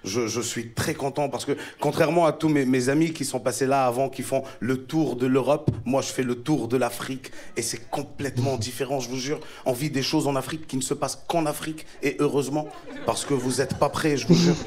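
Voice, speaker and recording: A man from Ivory Coast doing stand-up comedy, telling animated stories with punchlines to a live audience. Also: medium pitch, brisk. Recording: live show with loud audience.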